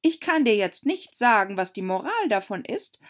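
A woman's voice: on the high side, big pitch swings, normal speed, pitched above the performer's own voice. Woman doing a pompous old Duchess. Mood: preachy. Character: fussy old Duchess, moralizing and clingy.

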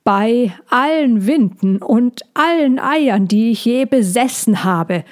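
A woman voicing an old, imperious female elder dragon in a storybook reading, booming, slow and grumbling. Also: lively intonation, darkish tone.

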